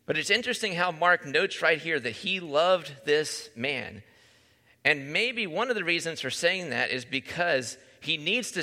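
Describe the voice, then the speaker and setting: A man's voice: a little high, pushed and bright, in a large hall. A man preaching a conversational sermon, often asking his listeners questions. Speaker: pastor.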